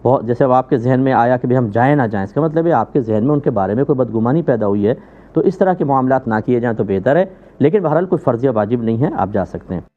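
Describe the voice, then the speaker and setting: A man from Pakistan, a mufti, calmly answering religious questions in a measured, methodical way. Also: medium pitch. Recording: phone-like narrow band.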